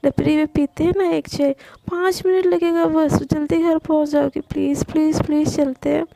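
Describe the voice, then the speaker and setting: A playful young woman teases and pleads in a spoken love story, as a woman puts her on. The voice sits high and mellow, with a gravelly edge of fry. The recording is dry and close. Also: level tone, moderate pace, no echo. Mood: teasing. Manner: teasing, coaxing.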